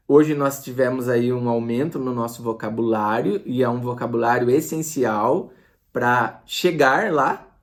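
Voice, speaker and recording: A man teaching English in a casual online lesson, drawing out each word he drills and dropping chatty asides. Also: medium pitch.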